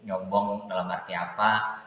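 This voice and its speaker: A man speaking as an interview guest, hesitant with many pauses and restarts, growing lively as he recounts events. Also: fairly low pitch. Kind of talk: candid personal conversation. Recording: echoey room, dull sound.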